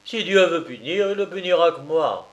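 A man's voice: a little high, animated, moderate pace, muffled recording, pitched above the performer's own voice. A man reading aloud as an insistent, hot-tempered young nobleman. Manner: forceful, pressing. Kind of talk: audiobook character reading.

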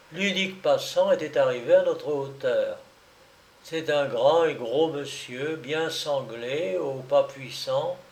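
Slow, measured male storyteller. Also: a little high, roomy sound. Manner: measured, expressive. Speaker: narrator. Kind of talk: literary audiobook reading.

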